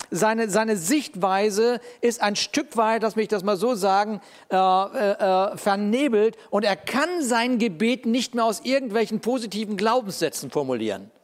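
A man preaching a sermon in a lively, conversational way, often checking in with his listeners. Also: high voice, a little slow. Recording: long reverb of a large hall.

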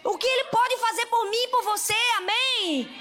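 A woman with a Northeastern Brazilian accent preaching a sermon to women, fervent and lively, calling out to her listeners and telling stories with laughter. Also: extremely high pitch, moderate pace, background noise. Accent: Northeastern Brazilian Portuguese. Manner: fervent, addresses the audience directly with repeated calls.

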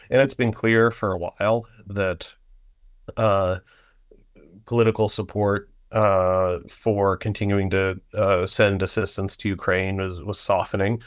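A man analysing foreign policy in a halting way, with many fillers and restarts. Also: on the low side, dry recording, studio quality. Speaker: panel guest analyst. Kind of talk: policy discussion.

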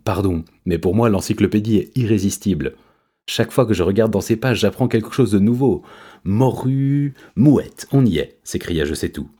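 A man voicing an excitable, bookish male cat who exclaims and trips over long words. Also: fairly low pitch, fairly quick, breathy edge. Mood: excited.

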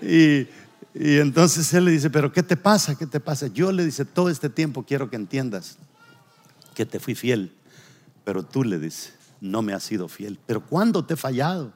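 A man's voice: mid-range voice, animated, measured pace, a little mellow. A male pastor preaching a sermon, telling a story and acting out each character's lines. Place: church. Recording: long reverb of a church hall.

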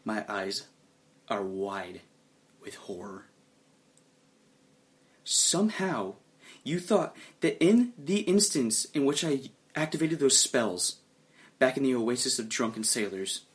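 A man narrating a tabletop role-play game as game master, telling the story dramatically and dropping low and hushed for suspense. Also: expressive, slow pace, long pauses.

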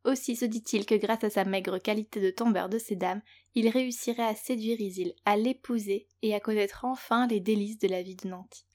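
A woman narrates a children's bedtime-style tale from a script, playful and chatty with the listener she addresses. Her voice sits at a middle pitch for a woman. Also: fairly even intonation, normal speed, a little mellow. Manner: playful, speaks directly to the young listener. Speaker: storyteller and host of a children's audio story show.

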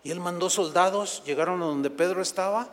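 A man from Mexico preaching a Sunday sermon as pastor, animated and acting out scenes from scripture in quoted voices. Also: high voice, brisk, long reverb tail. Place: church sanctuary.

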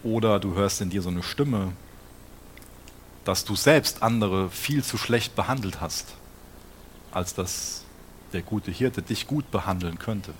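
A man's voice: fairly low pitch, a little slow, long pauses, a little hiss or hum. A man preaching a sermon in an earnest tone, often putting direct questions to his listeners.

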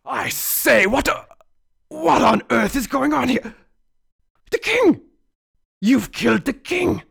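Guy doing a tyrant marshal in a tabletop game, pompous n commanding, high voice swinging all over. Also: sing-song, slow, vocal fry, breathy edge, exaggerated voice. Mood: outraged, commanding. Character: blustering, pompous male marshal barking orders. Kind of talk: tabletop role-play.

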